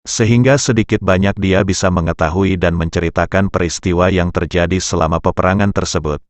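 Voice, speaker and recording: Man, low deep voice, measured reading, dry close sound, history lesson narration. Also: dry recording. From Indonesia. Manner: measured, steady reading with source citations. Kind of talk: reading translated texts aloud.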